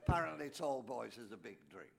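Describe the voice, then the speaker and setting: A man's voice: mid-range voice, lively intonation, a little fast, creaky, crowd noise. Older English priest telling his story. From England. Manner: anecdotal, with joking asides to the audience. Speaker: priest sharing his story at a recovery meeting. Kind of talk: personal testimony speech.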